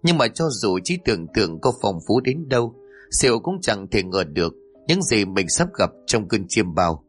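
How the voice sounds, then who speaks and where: A man narrating a scripted horror story in a dramatic, expressive way, over faint background music. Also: on the low side, normal speed.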